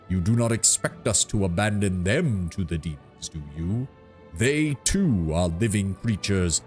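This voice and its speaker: A man voicing an ancient, gnarled treant guardian from a fantasy game, grand, formal and ponderous in his oratory. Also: fairly low pitch. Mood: indignant. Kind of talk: fantasy game dialogue read aloud.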